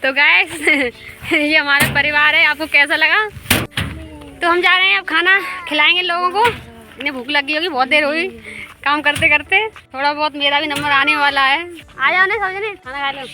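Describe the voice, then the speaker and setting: A woman's voice: high-pitched, steady tone, normal speed. A woman chatting casually and laughing often as she films a vlog outdoors in the fields. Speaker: vlogger.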